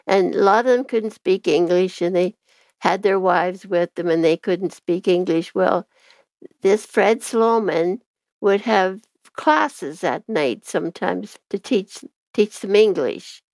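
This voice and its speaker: A woman's voice: medium pitch, slow pace, darkish tone, no room sound. An older woman reminiscing plainly in an interview. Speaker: interviewee recalling town life.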